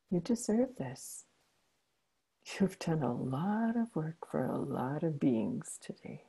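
Low husky woman leading a healing call, slow and dark-toned, soothing. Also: rough recording. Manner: soft, soothing and encouraging. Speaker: healing session facilitator. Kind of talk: gentle guided closing talk. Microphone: video call.

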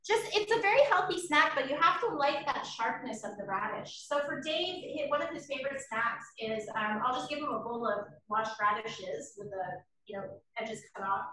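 A middle-aged woman runs a live online cooking lesson, chatty and full of ums. Her high voice comes from well across the room. The kitchen rings with heavy echo, with a faint hiss under it. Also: lively intonation, normal speed, hardly any pauses, sharp tone. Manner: chatty, explains with frequent ums and rightss. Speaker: cooking class host. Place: home kitchen, indoors. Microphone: laptop camera mic across the kitchen. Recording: roomy kitchen echo from far off, faint noise.

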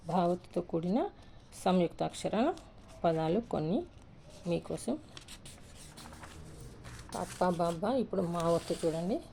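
A woman teacher slowly reading a word list aloud, one word at a time, and explaining how each should be read. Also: on the low side, vocal fry, dark tone. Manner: slow, deliberate, reads each word separately with pauses.

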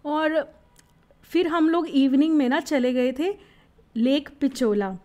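Young woman doing voice-over for her travel vlog, kinda high voice, excited and thoughtful, drops english words in. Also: takes it slowly. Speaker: travel vlogger.

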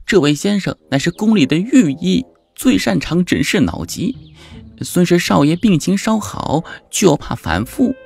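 Frantic servant guy begging his young master, squeaky and pushed high, man putting it on. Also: very animated, unhurried, gravelly, breathy edge, soft background music, heavily acted. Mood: pleading. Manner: high, pleading, urgent.

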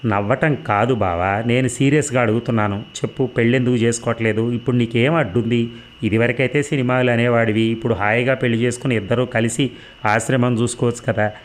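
A man's voice: mid-range voice, steady tone, fairly quick, a little hiss or hum, close to an everyday voice. Man reading as insistent young woman. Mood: earnest. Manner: pressing, persistent questioning.

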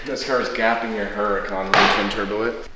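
Fast-talking man in a noisy garage. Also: on the low side, flat delivery. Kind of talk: casual banter. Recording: echoey garage with loud engine noise.

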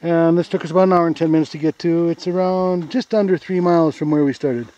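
Talking fast in a mellow, steady, slightly high voice, an American hiker narrates a forest trail walk for a video. He is easygoing and plain, pointing out sights as he goes. The sound comes from a camera and is dull and lo-fi.

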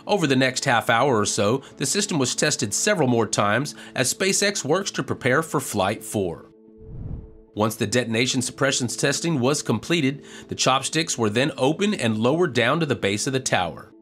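A man delivers a scripted news narration as a voice-over, keeping an even, measured reporting tone. His voice is mid-range, and faint music plays behind him.

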